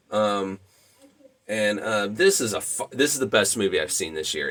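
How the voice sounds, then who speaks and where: A man with a fairly low voice talks through a movie review in an off-the-cuff way. He rambles, restarts his sentences and fills pauses with ums. His enthusiasm comes through in lively jumps in pitch. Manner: rambling, many fillers and restarts. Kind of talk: casual spoken review.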